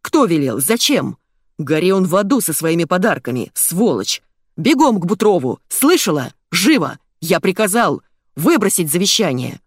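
A hysterical businessman rants and yells over the phone, as a female audiobook reader puts him on. His voice leaps around in pitch. The recording is dry and close. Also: expressive, moderate pace, no room sound. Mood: furious. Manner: yelling, ranting on the phone. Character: hysterical shouting middle-aged businessman. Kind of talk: audiobook character voice.

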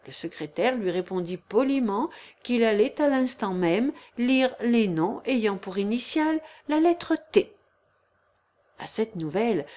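A woman reading a classic novel aloud as an audiobook, narrating in a measured way. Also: fairly high pitch, a little mellow.

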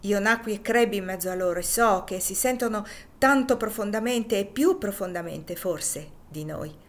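A woman's voice: mid-range voice, normal speed, close to an everyday voice. A woman reading the lines of an earnest, compassionate lady who speaks with emphasis.

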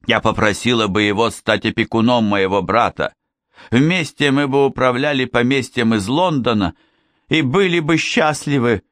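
A man voicing a desperate, obsessive seventeen-year-old girl with a shrill, clinging manner. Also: moderate pace, a bit bright, dry recording, clean studio sound, natural voice. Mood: pleading.

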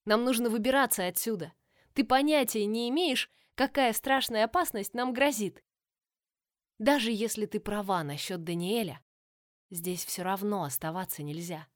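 A woman's voice: medium pitch, normal speed, dry recording, clean studio sound, lightly acted. A woman voicing an anxious, protective young older sister, speaking urgently and pleadingly in an audiobook.

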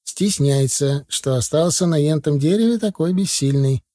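Man doing a fussy farm lady in her fifties, folksy talk, raised pitch, bit husky. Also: normal speed, mellow, dry recording, clean studio sound, lightly acted. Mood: fussing. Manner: fussing, folksy, rustic speech. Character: plump fussy village woman in her fifties.

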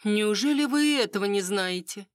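A woman reading the part of a knowing court lady who passes on rumors in a hushed, conspiratorial, bitter way. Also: mid-range voice, expressive, moderate pace, no echo, studio quality, voice pushed up, lightly acted.

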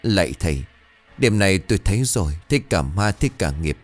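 Remorseful old landlord, choked and pleading, deep voice, read by a male narrator. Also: sing-song, fairly quick, a little mellow, soft background music.

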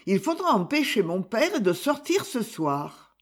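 A man reading aloud plays an anxious young bride, gentle and pleading, in a storybook. The voice is lifted high above his own, with a lively, swinging pitch. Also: a little slow, exaggerated voice. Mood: worried.

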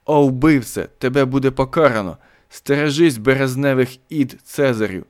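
A man voicing an imperious Roman woman in an audiobook, speaking in a soft, hushed whisper. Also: fairly low pitch, brisk, close to an everyday voice. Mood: accusing.

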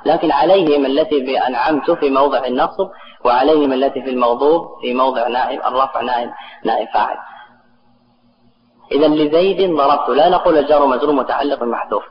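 A man's voice: mid-range voice, fast talker. A man giving a classroom grammar lesson to students, explaining step by step and putting questions to the class. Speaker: grammar teacher. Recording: echoey, dull lo-fi recording with a crowd behind.

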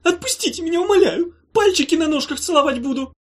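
A woman's voice: very high-pitched, lively intonation, quick pace, pitched above the performer's own voice. A woman voicing a cowardly, whiny succubus trapped in a box, stammering and pleading.

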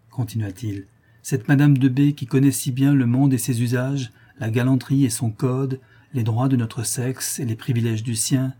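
A man's voice: medium pitch, mellow, slightly rough, lightly acted. A man voicing a dying young nobleman who speaks faintly, then with sudden firmness, in a classic novel reading. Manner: faint, halting then firm. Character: dying young count, feverish and weak.

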